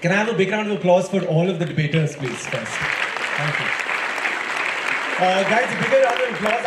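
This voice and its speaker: High-voiced Indian-accented man in an echoey room. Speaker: debate judge. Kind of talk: impromptu speech giving feedback to students. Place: indoor school event space with audience. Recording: echoey hall, faint crowd and noise.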